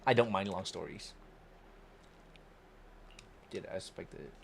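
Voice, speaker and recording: A man who streams a game reacts live and thinks aloud in a casual, chatty way. His voice sits on the low side. A faint hiss runs under the mic. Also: expressive, measured pace, gravelly, a bit bright.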